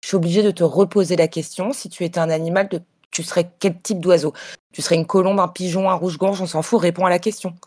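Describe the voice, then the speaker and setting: A woman's voice: fairly low pitch, fairly even intonation, fast, darkish tone, close to an everyday voice. A woman playing a pushy, self-important field reporter who keeps pressing her questions in a comedy sketch. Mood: insistent. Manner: insistent, bossy.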